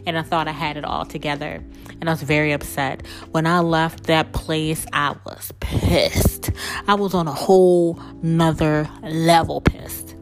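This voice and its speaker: A woman's voice: low voice, little pitch movement, unhurried, soft background music. A woman podcast host and spiritual coach, talking casually and candidly through personal stories, with lots of "like" and "you know".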